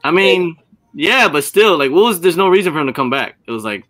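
A man with a lifted, bright voice that swings widely in pitch, talking over a video call. He is animated and chatty and keeps jumping in with questions. It is a loose, casual group conversation. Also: a little fast, faint music behind.

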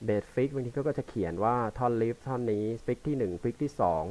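A man teaching bass, explaining notation loosely and haltingly between examples played on the instrument. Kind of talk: casual instructional talk between playing. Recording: quiet voice under loud bass playing. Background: loud electric bass playing.

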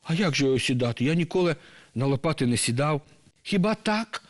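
A man's voice: a little high, expressive, fast talker. A man voicing a small, clever peasant boy in a raised, sly, pretend-innocent voice. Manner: sly, playing dumb.

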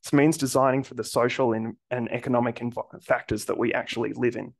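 A man, a structural engineer giving prepared remarks on a panel in a measured way. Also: mid-range voice, fairly even intonation, gravelly.

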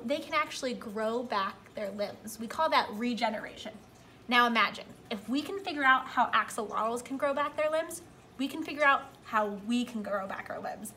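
A woman's voice: sits high, pushed and bright, slight background noise. A young adult woman speaking as a cheery zookeeper, giving a simple educational talk to camera. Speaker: zookeeper presenter. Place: small indoor room beside an aquarium.

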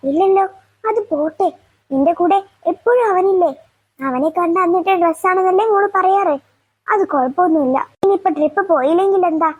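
A woman's voice: very high-pitched, a little fast, muffled recording. A woman voicing a cartoon mother-in-law who stammers and scolds, then coaxes and soothes. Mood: soothing. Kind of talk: cartoon voice acting.

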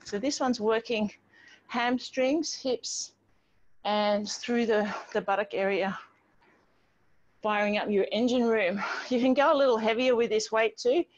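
Outdoors on her home patio against a garden wall, a middle-aged woman coaches an online exercise class in an unhurried, fairly high voice, encouraging each step while moving with the group. The video call picks her up through a distant device mic, giving dull, band-limited audio.

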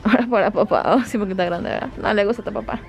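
Speaking rapid-fire in a gravelly, medium-pitched voice, a young woman vlogs while shopping in a large indoor store. She films on a handheld camera, chatting casually with her viewers and kids, with store noise all around.

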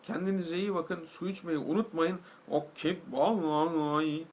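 A young Turkish man vlogging casually, telling a crude, animated story and playing both sides of the dialogue himself. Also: fairly high pitch, takes it slowly. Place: night train, recorded on a phone. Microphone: phone.

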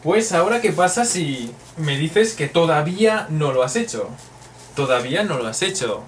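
A man from Spain teaching a casual online Japanese lesson, joking and chatty, often adding quick tag questions. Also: a little high, animated. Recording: voice a bit far from the mic, faint room noise.

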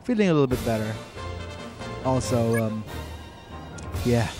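A man thinking aloud over his video game in a rambling let's play commentary, full of fillers and pauses. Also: medium pitch, lively intonation, music in the background.

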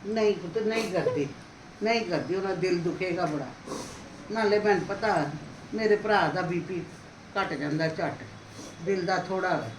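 A woman playing a middle-aged aunt in a homemade family drama, speaking in a quiet, consoling way. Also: fairly low pitch, moderate pace, lightly acted. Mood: soothing. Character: middle-aged aunt, soothing, indignant at relatives. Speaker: paternal aunt in a family skit. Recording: echoey room, faint hiss.

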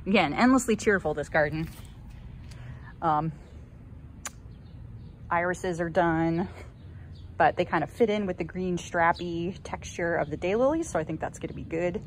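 With long pauses between her words, a woman in her thirties speaks at normal speed in a fairly low voice. She is a gardening vlogger giving a casual, chatty tour of a garden outdoors, shot on a handheld phone, with cheerful asides. Ambient noise from outside is audible.

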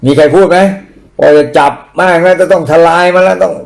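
A man's voice: high-pitched, fairly even intonation, brisk, gravelly. A man giving blunt, profane political commentary in casual rant style, mocking and crude.

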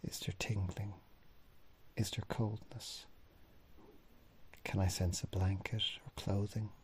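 This man, a mindfulness teacher, takes listeners through a body scan meditation with calm, unhurried guidance and long silences. His voice stays low and level, husky and breathy, often drifting down to a near-whisper.

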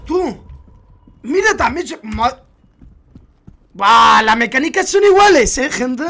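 Excitable young Spaniard, high bright voice. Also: male voice, breathy edge. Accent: Spain Spanish. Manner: excitable, loud exclamations and swearing. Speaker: gaming YouTuber. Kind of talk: excited gameplay commentary.

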